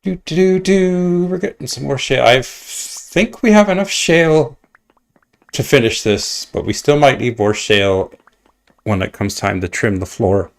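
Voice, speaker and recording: A man with a mid-range, animated voice and a slightly slow pace streams himself gaming at his computer. He chats casually and rambles, mocking himself and muttering asides as he plays.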